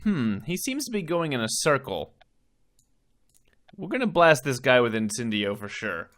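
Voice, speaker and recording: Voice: mid-range voice, sing-song, normal speed, fairly bright tone. A game player giving casual commentary, musing aloud in a wry way. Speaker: video game player narrating.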